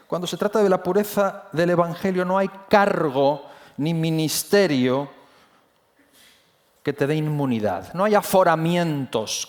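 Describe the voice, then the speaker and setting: A man preaches a sermon in a loose, conversational way, with many restarts and asides. His voice sits a little high for a man. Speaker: pastor. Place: church hall.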